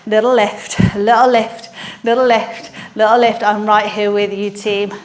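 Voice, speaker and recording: A woman leading a barre class as an aerobics instructor, giving encouraging, energetic counted cues while exerting herself. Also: medium pitch, a little slow. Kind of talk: aerobics instructor cueing a workout with counted commands.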